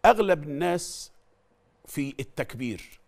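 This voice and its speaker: A middle-aged man with an Egyptian Arabic accent, teaching Quran recitation, explaining in an animated way and repeating phrases to drill how they are said. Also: on the high side, moderate pace, creaky. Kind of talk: Quran recitation lesson with chanted verses.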